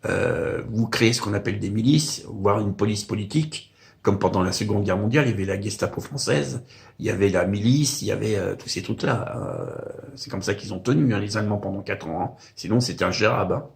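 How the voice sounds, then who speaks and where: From his home in the countryside, a video blogger, an older man from Paris, delivers a rambling, casual monologue to camera. His low, gravelly voice moves fairly quickly, and hesitant fillers like "euh" and "hein" come often.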